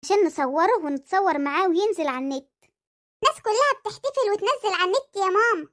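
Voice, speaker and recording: A performer voicing an eager, cheeky Egyptian boy in a cartoon, chirpy and quick, with an Egyptian accent. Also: very high-pitched, lively intonation, a bit bright. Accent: Egyptian Arabic. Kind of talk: cartoon voice acting.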